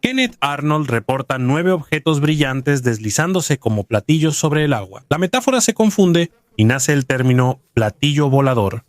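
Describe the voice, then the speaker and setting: A man giving scripted documentary narration in a measured, even storytelling delivery, recorded close as a voice-over. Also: medium pitch, no echo.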